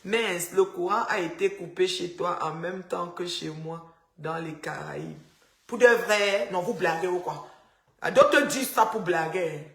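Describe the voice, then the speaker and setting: A woman's voice: fairly low pitch, unhurried, vocal fry. A woman chats with her live-stream viewers through her phone, teasing and full of asides. The sound is echoey and roomy. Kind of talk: casual live-stream chat in the dark. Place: house with the power cut.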